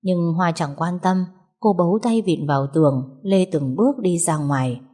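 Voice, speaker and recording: A woman narrates a novel in an expressive, dramatic storytelling style. Her voice sits low and mellow, with a husky, breathy grain. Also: moderate pace.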